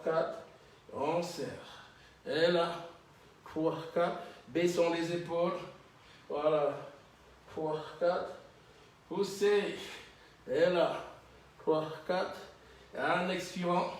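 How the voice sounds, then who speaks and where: A man leading a Pilates class, counting reps and giving calm encouraging cues. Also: on the high side, distant mic. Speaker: Pilates instructor. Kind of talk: guiding a fitness class. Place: fitness studio, indoors. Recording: very echoey gym room from afar.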